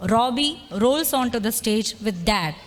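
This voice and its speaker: Brief: a slightly high woman narrator for a school play, steady, echoing hall. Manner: measured storytelling. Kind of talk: scripted stage narration. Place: school annual day event. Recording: echoey hall with long reverb.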